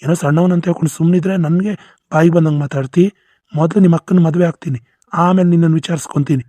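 A performer voicing a hot-headed young man who makes rapid threats, in a North Karnataka Kannada accent for a cartoon. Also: medium pitch, fairly even intonation, warm tone, dry recording, natural voice. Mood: threatening.

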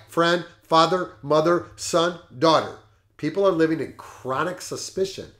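A middle-aged man hosting a show, reading passages from a book aloud and commenting on them in a lively way. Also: on the high side. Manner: animated, laughs at the jokes he reads. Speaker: podcast host.

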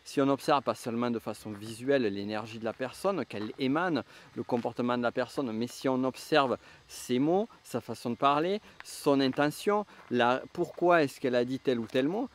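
A middle-aged man from the southwest of France speaks with a southwestern French accent, his voice sitting at an ordinary mid-range pitch. He coaches the listener through a reflective explanation, often hesitating and starting his sentences over as he thinks aloud. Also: normal speed. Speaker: enneagram coach and trainer. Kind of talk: reflective teaching monologue.

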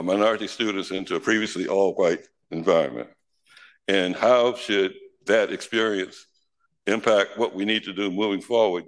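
A man presenting to an audience in a lecture room, laying out questions in a measured way at a podium. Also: on the low side. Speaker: event organizer, moderator.

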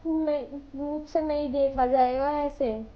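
Young woman with a high voice, unsure, keeps trailing off, dull sound. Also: fairly even intonation, takes it slowly. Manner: hesitant, reasoning, trailing off. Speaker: girlfriend in prank. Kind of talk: casual conversation. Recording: dull audio with faint background music.

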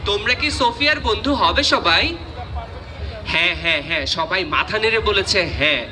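A man hosting a children's puppet show, presenting in an animated, playful and coaxing way. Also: sits high, normal speed, a crowd in the background.

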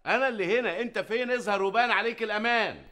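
A brash, mocking café boss. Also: male voice, high voice, rapid-fire, bright, forceful tone. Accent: Egyptian Arabic. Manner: mocking, bossy and blustering. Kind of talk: sitcom acting. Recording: studio laugh track.

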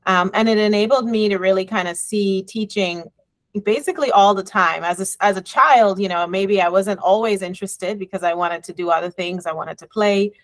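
A medium-pitched woman's voice, recorded dry, belongs to a middle-aged engineering professor and department chair from the Bahamas. She gives a reflective, measured conference talk over a laptop webcam video call from her office with bookshelves and a window, using many fillers like um and you know.

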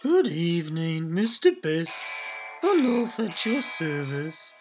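Against background music, a woman takes on the role of a muscular, moustached Swedish male secretary who is eager and far too helpful, delivering formal, earnest phrases in an affected Swedish accent. Her voice is lowish and slow, with big swings in pitch.

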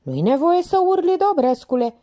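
Woman reading as a bossy storybook policewoman, loud and scolding, high and animated. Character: bossy sharp-tongued woman police officer.

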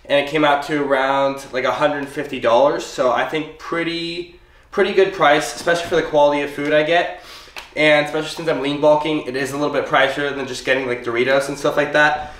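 In a casual vlog, a sick young man with a blocked-up voice happily chats about his groceries, explaining every item. His voice is a little high and fairly bright, with a steady tone and a fairly quick pace. Background noise and a roomy, distant mic mark this home recording.

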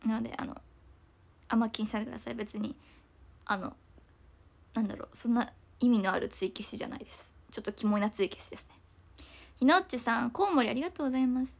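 Reading viewer comments during a livestream, a young woman talks fast and casually, apologizing again and again. Her voice leans high, with vocal fry.

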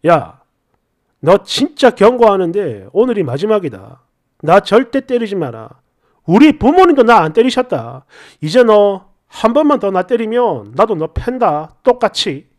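A woman's voice: on the high side, sing-song, moderate pace, pauses often, no room sound, clean studio sound. A woman voicing an irritated young husband who talks bluntly and coldly. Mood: gruff. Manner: gruff, scolding, sighing.

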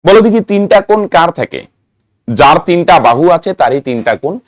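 A man's voice: a little high, animated, brisk, no echo, studio quality. Male teacher, questioning pupils. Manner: asks students questions and answers them himself, repeats terms rhythmically. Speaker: math teacher. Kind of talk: classroom-style lesson to students.

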